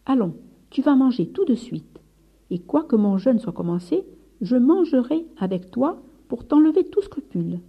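A woman reading the part of a fervent, gentle male friar who leads his brothers, speaking earnestly with rising urgency. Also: a little high, big pitch swings, normal speed, breathy edge, dull audio, voice pushed up, full character voice. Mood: earnest, stern.

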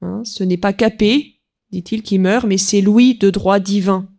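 A woman giving an unscripted history lecture, pausing often and filling gaps with small verbal tics while she reads quotes aloud. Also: medium pitch, fairly even intonation, gravelly, dark tone. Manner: hesitant, peppered with "voilà" and "hein", reads quotes aloud.

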